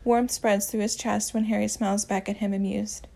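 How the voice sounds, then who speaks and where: A woman reads a romance story aloud in a gentle, even manner and shifts her voice a little for each character's lines. Her voice sits at a middle pitch and has a gravelly, creaky edge. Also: normal speed. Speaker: audiobook narrator.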